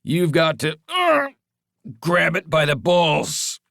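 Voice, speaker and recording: A man reading the audiobook voices an impatient, crude mob boss who snaps gruffly. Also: a little high, big pitch swings, slow, fairly bright tone, no room sound, clean studio sound, pitched above the performer's own voice, full character voice. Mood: irritated.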